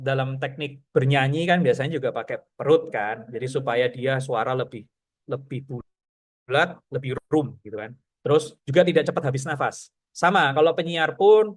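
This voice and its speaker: Chatty man coaching voice exercises. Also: on the high side. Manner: chatty, filler-heavy, demonstrates breathing and sounds; says he has a radio announcer's voice. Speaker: public speaking coach. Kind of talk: casual online workshop lesson.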